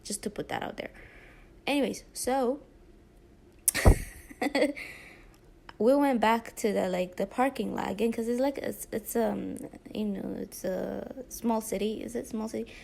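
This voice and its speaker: Woman, vlogger, gravelly fry in the voice, blunt casual rant, rambling with lots of fillers. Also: fairly high pitch, measured pace, long pauses, background noise. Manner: rambling and candid, with many fillers and short laughs; blunt and sarcastic. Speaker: YouTuber.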